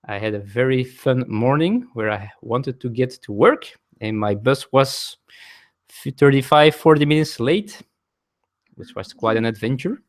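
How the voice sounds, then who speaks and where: Speaking with a non-native English accent, a man live-streams a board game from his home table, explaining the rules with a voice that swoops up and down expressively and moves a little slowly. Between turns he chats with viewers, frequently pausing to correct himself.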